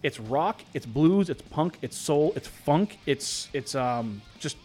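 A man's voice: on the high side, expressive, slow, darkish tone, soft background music. A man with a Boston accent hosting a radio show in casual, jokey banter, rambling and repeating words, with some swearing.

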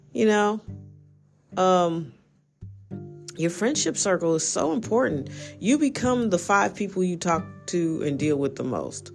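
A woman hosting a casual personal monologue, candid and reflective, who laughs often and restarts her sentences. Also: sits low.

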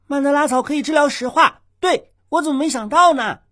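A high-pitched, eager little boy, voiced by a woman in a children's audio story. He chatters playfully, full of curiosity and mischief. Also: fairly quick, a bit bright.

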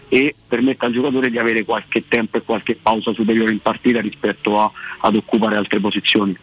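A male football analyst explains tactics haltingly. His voice is husky and fairly flat, at a middle pitch. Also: low-quality recording. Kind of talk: analytical sports commentary.

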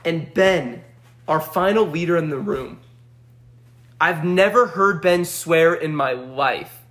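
A young man telling a story in a casual chat, animated and laughing often as he acts out quotes. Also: fairly high pitch, slow. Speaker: podcast guest.

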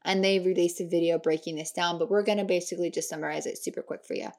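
A young adult woman co-hosting a casual political podcast, telling stories animatedly and restarting words when she gets excited. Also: fairly low pitch, fast talker. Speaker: podcast co-host.

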